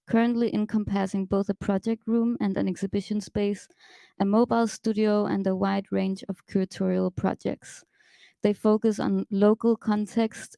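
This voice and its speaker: A woman hosting a festival symposium, reading a measured, scripted introduction. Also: mid-range voice, gravelly, dark tone, no echo. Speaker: festival host, moderator. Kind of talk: read introduction.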